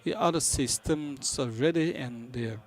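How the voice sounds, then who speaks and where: A man who is not a native English speaker gives a business conference presentation, halting as he searches for words. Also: medium pitch. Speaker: conference presenter for a banking software company.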